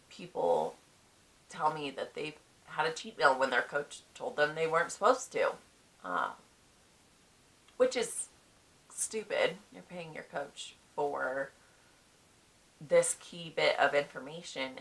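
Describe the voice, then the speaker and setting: A woman's voice: sits low, vocal fry, bright, forceful tone, poor audio. A young woman talking casually to camera, giving frank advice on competing, with many ums. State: chewing a cough drop. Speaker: bikini fitness competitor.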